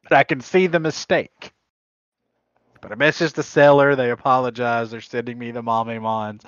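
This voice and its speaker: A man's voice: medium pitch, fairly even intonation, normal speed, a bit bright, smooth, dry recording. A man co-hosting a trading card game podcast, telling stories in casual chat and laughing at his own mishaps. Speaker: podcast co-host. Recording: muffled lo-fi audio.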